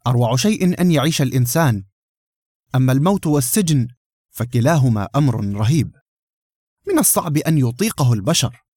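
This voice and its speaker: A man narrating a novel as an audiobook, in a measured, expressive reading. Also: mid-range voice, husky, no room sound, studio quality.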